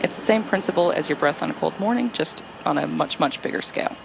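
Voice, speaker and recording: A woman's voice: low voice, lively intonation, quick pace, gravelly, background noise. A woman hosting a live launch webcast, explaining technical steps in running commentary.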